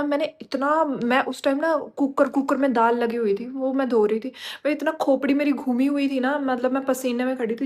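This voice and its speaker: A young woman vlogging casually from home, telling stories in a chatty, animated way. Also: fairly high pitch. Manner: chatty, animated storytelling with Hindi-English mixing. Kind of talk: casual chat.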